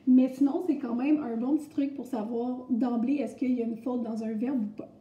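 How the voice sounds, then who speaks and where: A woman's voice: fairly high pitch, fairly even intonation, normal speed. Chatty Québécois woman teaching, echoey room. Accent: Québécois French. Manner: chatty, explains step by step with many fillers. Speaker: French teacher. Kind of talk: recorded grammar lesson. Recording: echoey, muffled room recording.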